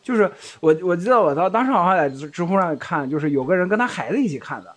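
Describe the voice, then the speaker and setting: A man's voice: high-pitched, very animated, fast, fairly bright tone. A man co-hosting a casual podcast discussion, talking in a chatty way with laughs and hesitant restarts. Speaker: podcast co-host.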